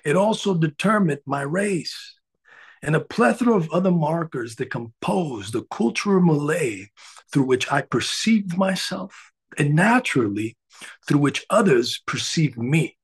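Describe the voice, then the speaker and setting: A man's voice: on the high side, lively intonation, a little slow, husky. A middle-aged man from the Dominican Republic, a spiritual coach speaking earnestly to a live audience with frequent filler sounds.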